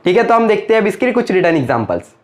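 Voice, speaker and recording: Very animated and rapid-fire, a young man with a fairly high voice runs through a grammar lesson at a board. Despite the speed, his tone is patient and explanatory, and he keeps asking questions and answering them himself.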